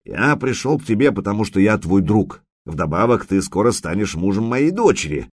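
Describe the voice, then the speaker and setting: A man's voice: lowish voice, very animated, moderate pace, breathy edge. A man doing a stern old warrior. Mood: stern warning. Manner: lecturing, warning. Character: stern older warrior man, a future father-in-law.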